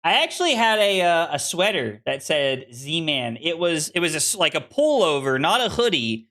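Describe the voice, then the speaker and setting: A card game streamer in his late twenties chats casually with viewers as he plays, rambling and self-deprecating with constant restarts. His voice runs on the high side, sing-song, pushed and bright, at a moderate pace.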